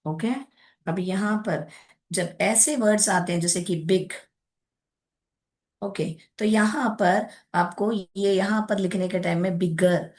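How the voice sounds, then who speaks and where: Woman teacher going slow and patient thru a grammar lesson, keeps calling the kids child. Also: mid-range voice, steady tone, darkish tone. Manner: patient, explaining step by step, addresses pupils as child; mixes English words into the explanation.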